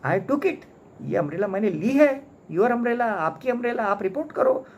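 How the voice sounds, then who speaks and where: A taunting, sarcastic male tramp, as a teacher puts him on, his voice jumping high in mock innocence. He sneers and dares, with an Indian English accent and a lively, swinging tone. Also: takes it slowly, breathy edge, highs cut off, exaggerated voice. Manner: taunting, sarcastic, raised pitch. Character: scornful sneering male vagrant, mocking and defiant.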